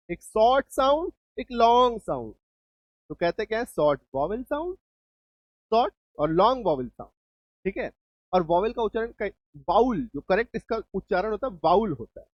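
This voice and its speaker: A man teaching English spelling in a relaxed spoken lesson, often checking that students follow and reassuring them. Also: sits high, dry recording, highs cut off. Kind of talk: spoken Hindi lesson with students addressed directly.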